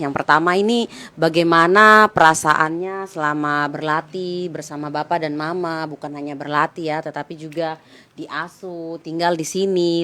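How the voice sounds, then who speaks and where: A woman hosts an interview program, affirming what her guests share and leading into her next questions with polite, drawn-out phrasing. Her voice sits quite low for a woman. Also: fairly bright tone. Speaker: talk show host. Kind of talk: talk show interviewing.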